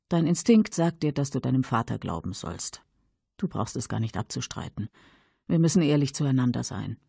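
A man voicing a tense middle-aged mother who pleads and justifies herself urgently, in a husky, creaky voice. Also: medium pitch, mellow, no echo, clean studio sound, pitched above the performer's own voice, exaggerated voice. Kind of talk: audiobook character voice.

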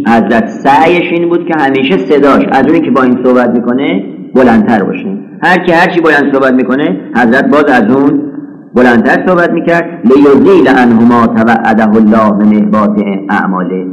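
A man teaching scripture commentary in a deliberate, measured way, slowing down to recite Arabic passages. His voice rings through a large hall with a long echo, and the recording sounds dull and muffled. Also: medium pitch. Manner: measured, deliberate, chants Arabic quotations slowly. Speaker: Quran exegesis teacher. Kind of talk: religious lecture.

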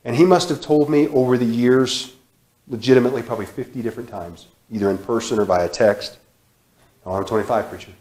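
A man in his thirties preaching a sermon in a church sanctuary, repeating phrases with emphasis and sudden drops to a hush. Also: mid-range voice, fairly even intonation, a little fast. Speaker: guest preacher. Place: church sanctuary, large indoor room. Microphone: far camera, room mic. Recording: echoey church hall.

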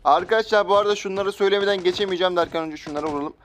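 A young man giving lively, joking commentary while playing a mobile shooter, talking back at his in-game enemies. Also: high voice, racing, a little hiss or hum. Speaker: gaming YouTuber. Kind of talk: live gameplay commentary.

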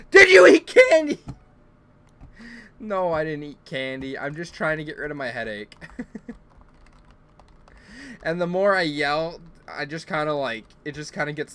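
A man streaming a game in casual chat, his voice high and bright and leaping all over the place. He jokes with viewers and breaks into loud, playful mock-outrage on request. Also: slight background noise. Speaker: gaming livestream host.

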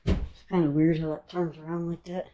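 A man's voice: on the high side, little pitch movement, moderate pace, mellow, muffled recording. A man casually narrating as he walks through empty abandoned houses, making offhand comments while filming on a handheld camera. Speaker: urban explorer vlogger.

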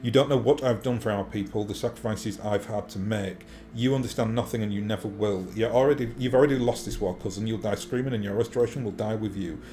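A man's voice: lowish voice, fast, few pauses, dark tone, close to an everyday voice. A man voicing a villainous captive noblewoman from a video game, haughty and vengeful, with theatrical cartoon-villain menace. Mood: defiant threatening. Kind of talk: reading game dialogue aloud in character. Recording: faint background noise.

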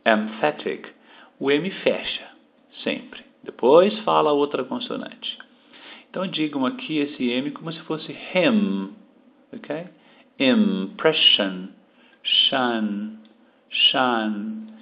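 A Brazilian man teaching English pronunciation, slowly repeating words for the learner. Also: fairly high pitch, expressive, gravelly, lo-fi sound. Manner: slow, deliberate, repeating words to model pronunciation. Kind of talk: language lesson explaining pronunciation.

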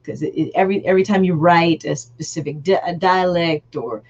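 A guest author on a video call, this woman speaks briskly in a lowish voice over lo-fi sound. Though the chat is casual, she talks earnestly and emphatically, explaining things at length.

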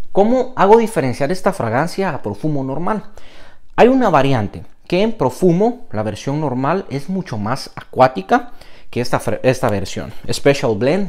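A young man reviewing fragrances in an enthusiastic vlog, with lively, swinging intonation. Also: on the high side.

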